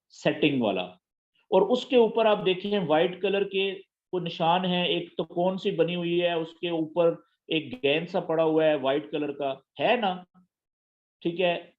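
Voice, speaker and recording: A man's voice: high-pitched, lo-fi sound. A man teaching a trading app step by step in a patient, repetitive tutorial style. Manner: patient, repeats key terms and checks understanding. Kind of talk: screen-share tutorial.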